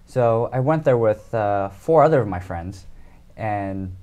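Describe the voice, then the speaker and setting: The audio is dull, carrying a lowish, measured voice from an American man in his thirties. He's a laid-back interview guest in a casual conversation, full of ums and quick to laugh.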